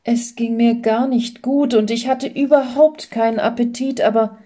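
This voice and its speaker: A woman voicing a gentle young wife in a storybook reading, speaking softly and tenderly. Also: a little high, steady tone, normal speed, close to an everyday voice.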